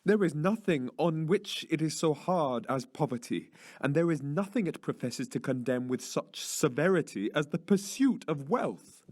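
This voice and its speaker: Man acting a curt, proud, impatient gentleman. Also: on the high side, animated, moderate pace, few pauses, no echo, clean studio sound. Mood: defensive. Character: defensive, proud, impatient man hardened by love of money. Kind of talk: dramatised audiobook reading of a classic tale.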